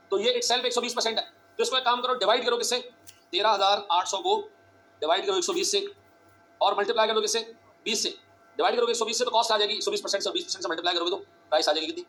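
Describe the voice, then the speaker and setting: Fast-talking, bright-voiced male teacher. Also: high voice. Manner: fast, urgent, repeats phrases, quizzes students. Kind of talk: classroom lecture. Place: classroom.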